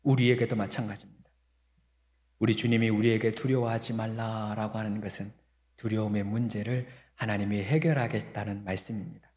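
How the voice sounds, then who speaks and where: A man preaching a sermon as pastor, swinging from quiet, storytelling passages up to loud, emphatic peaks. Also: lowish voice, fairly even intonation, brisk, long reverb tail. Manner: builds to loud emphatic peaks, then drops soft.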